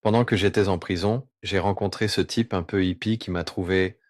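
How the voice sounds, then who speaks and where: A man whose voice is pitched down very deep to disguise it, earnestly and remorsefully telling his personal testimony. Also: steady tone, no room sound, studio quality. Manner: earnest, remorseful, with pauses and slow stretches. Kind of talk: confessional first-person testimony.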